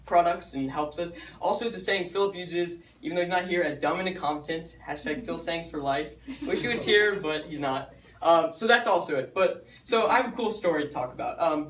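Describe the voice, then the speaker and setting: A young man with a slightly high voice gives a chatty student talk, joking his way through it and stumbling over his words now and then. He sounds set back from the microphone. The echo of a large hall hangs around every word. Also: a bit bright. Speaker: student speaker. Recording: echoey hall, mic far off.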